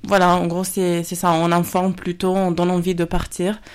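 A Spanish woman in her twenties speaking French with a Spanish accent as a radio guest, pausing with fillers. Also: on the low side, monotone, smooth. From Spain. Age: 20s. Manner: hesitant, many fillers. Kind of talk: radio interview answers. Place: radio studio.

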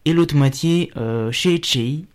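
A man speaking as a guest on a radio talk show, relaxed with many fillers. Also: on the high side, unhurried. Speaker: radio guest, former volunteer. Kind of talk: radio interview answers. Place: radio studio.

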